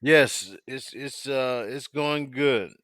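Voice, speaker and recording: A man in his fifties chats casually with strangers he meets online. His drawl is unhurried and he often says the same thing twice. His voice is at a middle pitch and sounds dry and close to the mic. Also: a bit bright, no room sound. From United States. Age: 50s. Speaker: host of a live video chat. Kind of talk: casual chat.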